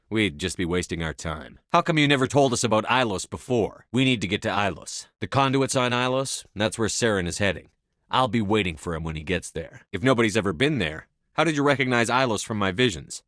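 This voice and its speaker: A resolute male military commander from a video game. His voice sits fairly low and is recorded dry. He speaks firmly in clipped, commanding phrases, stern and driven. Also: a bit bright, dry recording. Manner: firm, commanding, clipped delivery. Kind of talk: video game dialogue acting.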